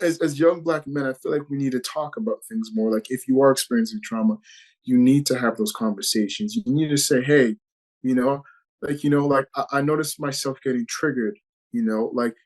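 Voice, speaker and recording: A man's voice: mid-range voice, low-quality recording. A man being interviewed as an actor over a video call, talking in an earnest, reflective way with many "you know" fillers. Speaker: actor guest.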